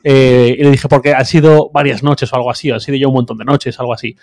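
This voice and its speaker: A man's voice: medium pitch, fairly even intonation, fast talker, a little mellow, no room sound, clean studio sound. A man chatting casually on a podcast, hesitant with many fillers.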